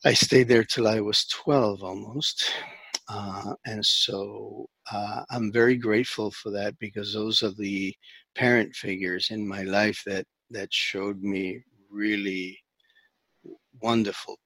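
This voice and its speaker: A middle-aged man raised in the Dominican Republic, a therapist talking as a guest in a conversational interview, halting with many fillers and restarts. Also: fairly low pitch, little pitch movement, gravelly, fairly bright tone, dry recording.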